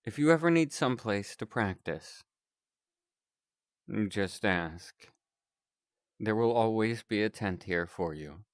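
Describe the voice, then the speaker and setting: A man speaking through a morphing voice changer that pushes his voice lower, talking in a courtly, formal way as he reads a character. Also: expressive, takes it slowly, pauses often, no echo, clean studio sound. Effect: morphing voice changer, pitch shifted lower.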